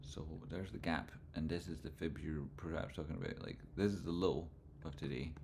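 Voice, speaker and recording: A man with a broad Scottish accent hosting a livestream, talking informally and loosely, not always crisply enunciated, as he comments on charts and chats with viewers. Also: rumbling low, fairly quick, background noise. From Scotland. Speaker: livestream host and trading analyst. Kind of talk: live chart commentary and casual chat with viewers.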